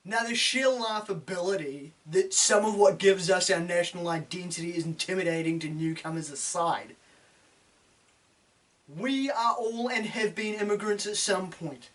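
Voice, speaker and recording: A man's voice: high voice, moderate pace, fairly bright tone, distant mic, low-quality recording. A man with a broad New Zealand accent delivering a blunt, sweary, sardonic opinion rant, full of slang. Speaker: opinion video host.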